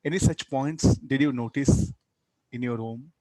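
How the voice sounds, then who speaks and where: A physics teacher with a South Indian accent gives an interactive classroom lecture in a medium-pitched, dark-toned voice at a slightly slow pace. He repeats his words often and closes sentences with little questioning tags to engage students. The audio is dry, with almost no room echo.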